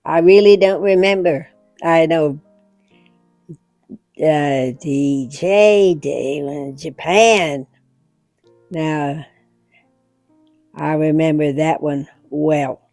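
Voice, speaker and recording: A very old American woman, about a hundred, reminiscing off the cuff in halting short phrases. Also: sits low, a little mellow, no echo, soft background music. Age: very old, about 100. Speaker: interviewee recalling wartime memories. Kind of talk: unscripted reminiscence.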